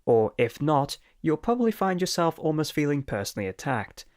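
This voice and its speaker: A man's voice: on the high side, sing-song, brisk, a little mellow. A man narrating a scripted anime review in a dry, lightly sarcastic manner.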